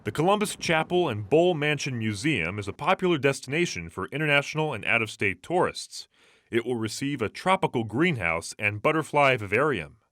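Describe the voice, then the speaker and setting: A man's voice: medium pitch, big pitch swings, brisk, a bit bright. A man delivering scripted broadcast news as an anchor and field reporter.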